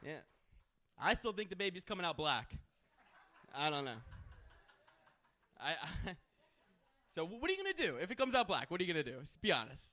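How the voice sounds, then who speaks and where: High, bright-voiced young man doing stand-up. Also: very animated, brisk, pauses often. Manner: crude, brash joking with the crowd. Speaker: stand-up comedian. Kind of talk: stand-up comedy set.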